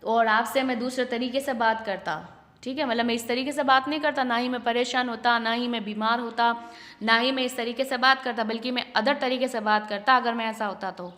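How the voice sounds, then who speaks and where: A woman teacher explaining a school text, reading English lines slowly and explaining them quickly while mixing in Hindi. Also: a little high, fairly even intonation, bright, forceful tone, big-room sound.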